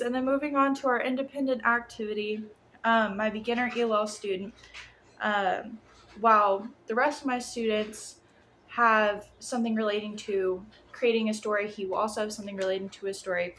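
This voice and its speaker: A woman's voice: medium pitch, sharp tone. Young female student teacher, slightly muffled sore-jaw speech, informal and hesitant, noisy home recording. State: sore jaw after wisdom tooth removal. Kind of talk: informal lesson plan presentation. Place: apartment room. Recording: clear background room noise.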